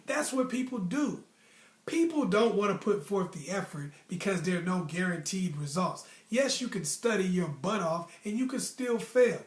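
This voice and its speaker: This storytelling host, a young American man with a voice that sits high, shares personal stories casually at normal speed. His delivery is animated, emphatic, and slangy as he gives motivational advice, and the sound is roomy and echoey.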